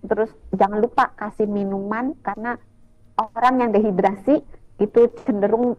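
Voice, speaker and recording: A woman's voice: mid-range voice, steady tone, normal speed, dry recording, highs cut off, faint music behind. A woman doctor, a guest on a radio talk show, explaining practical health tips step by step.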